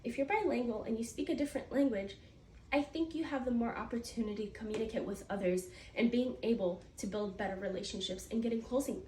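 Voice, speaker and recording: A US teenage girl rushes through a prepared class speech at a fast clip, her fairly high voice carrying a dark tone. Earnest, she makes small slips and restarts, heard through a distant mic in an echoey room with faint noise.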